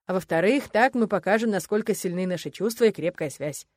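A smug, unflappable young man, as a woman reads him in an audiobook, answering every protest with a calm, teasing dryness. The sound is dry and close, with no room at all. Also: medium pitch, brisk, no room sound, natural voice.

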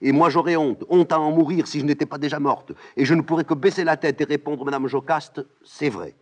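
Man putting on a high-pitched old nursemaid, scolding, husky, loud and fussy. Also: fairly even intonation, brisk, lightly acted. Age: older. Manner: shrill, scolding, exclamatory. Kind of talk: audiobook reading of a play.

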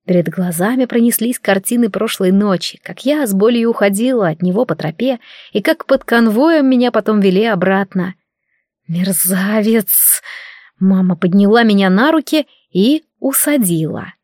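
A woman narrating a first-person audiobook in a lively, wry, conversational way. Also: medium pitch, moderate pace, dry recording, clean studio sound.

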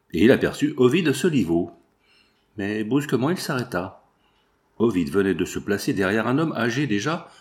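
A man narrating a classic novel aloud in a measured, expressive storytelling manner. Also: lowish voice. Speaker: audiobook narrator.

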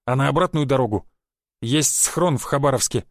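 A man's voice: medium pitch, moderate pace, dry recording, clean studio sound, natural voice. A man voicing an angry, cursing male secret police chief who scolds his agent in an audiobook. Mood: stern. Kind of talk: audiobook character voice.

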